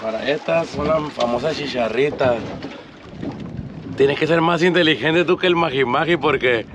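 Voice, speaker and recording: A man's voice: on the high side, normal speed. Man, Sinaloa accent, fisherman, folksy explainer, open boat at sea, action cam, heavy wind noise. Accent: Sinaloa Mexican Spanish. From Mexico. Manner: folksy, excitable, explains while working. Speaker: local fisherman. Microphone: action camera on the boat.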